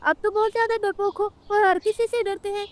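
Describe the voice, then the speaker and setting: A woman's voice: extremely high pitch, little pitch movement, brisk, slight background noise. A woman voicing a whiny, spoiled little boy crow in a cartoon story. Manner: whining, cheeky.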